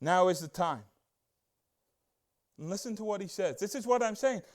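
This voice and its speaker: A man preaching a casual Bible-study sermon as a church pastor, chatty and excitable, full of rhetorical questions and asides. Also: high-pitched, normal speed.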